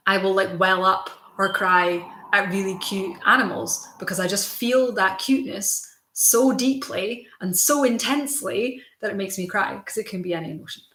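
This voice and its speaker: A woman's voice: medium pitch, fairly bright tone. A young woman chatting casually with her viewers on a livestream, rambling with lots of fillers. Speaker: livestream host. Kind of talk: casual chat. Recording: roomy echo.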